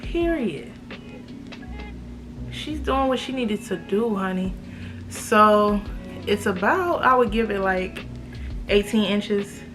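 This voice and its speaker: A woman's voice: medium pitch, slow, over music. An American woman with a slight lisp from braces, giving a casual, slangy, emphatic review to camera as a beauty vlogger.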